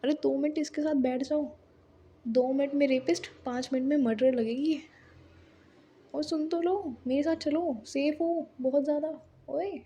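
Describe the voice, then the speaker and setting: A woman voicing a jealous young college woman who shouts and taunts. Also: sits high, fairly even intonation, a little slow. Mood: taunting.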